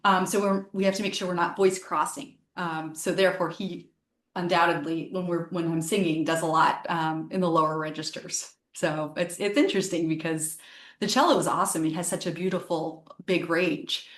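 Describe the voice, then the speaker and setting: Speaking in a steady, lowish voice at a moderate pace, an American woman who plays harp and sings, originally from Northern Virginia, chats through interview answers. She often says "um" and restarts as she thinks, in an echoey room.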